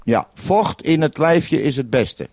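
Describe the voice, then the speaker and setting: He speaks slowly and expressively, his fairly high voice a little mellow, while guiding a listener step by step over two-way radio and finishing each turn with a procedure word. He's a mainland radio programme maker heard in a 1971 broadcast, without echo.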